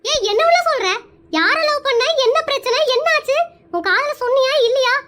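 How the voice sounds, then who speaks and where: A voice actor voicing a bossy, talkative middle-aged aunt in an animated cartoon, scolding and prying. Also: very high-pitched. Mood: agitated. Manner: loud, scolding, nosy and fast.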